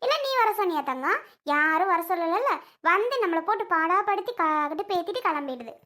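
A woman's voice: very high voice, lively intonation, brisk, pushed and bright, heavily acted. A woman playing a young mother who coos at her baby and fiercely protects it in a family drama skit. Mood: doting. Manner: chatty, fondly grumbling to the baby.

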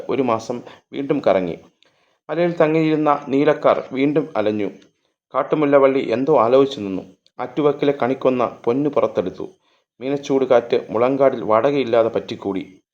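A man narrates a literary story at a measured pace, lingering over long lyrical lists and now and then restarting a word. His voice sits at an ordinary male pitch, and the recording is slightly dull and lo-fi. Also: darkish tone.

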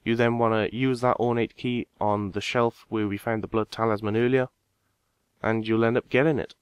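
Smooth-voiced man narrating a game walkthrough. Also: fairly low pitch, moderate pace, no echo. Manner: relaxed step-by-step instructions, talking straight to viewers. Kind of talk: casual game walkthrough voice-over.

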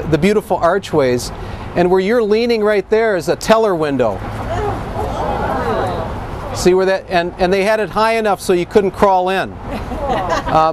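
A man's voice: high voice, a little mellow. A middle-aged man leading an outdoor walking tour on a busy downtown street, talking in a chatty, enthusiastic way with many fillers, recorded on a camcorder a few feet away. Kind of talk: outdoor guided tour talk. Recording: street noise behind.

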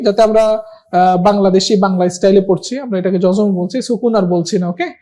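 A man's voice: very high-pitched, darkish tone. Brief: male Quran teacher, patient drills, poses and answers his own questions. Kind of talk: recitation lesson.

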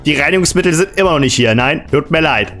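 A man's voice: fairly high pitch, expressive, fast, fairly bright tone, soft background music. A man hosting a comedic horror game let's-play, talking sarcastically and exclaiming.

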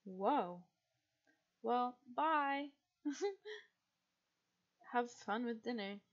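A young American woman streams a game, chatting casually and rambling with a husky, quiet voice and lots of laughs. Her voice is a little high and very slow, and the recording's highs are cut off.

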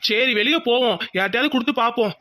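A man's voice: very high voice, very fast, sharp tone. A man voicing a lovesick young village man in a cartoon, pleading and worried.

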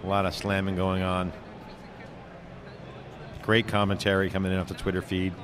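A middle-aged man with a deep voice hosts live commentary at a crowded conference. He talks in a casual, blunt, joking way, and a crowd's chatter carries behind him. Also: completely flat delivery, normal speed. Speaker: tech show host. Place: conference hall studio booth. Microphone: handheld stand mic. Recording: busy crowd noise behind.

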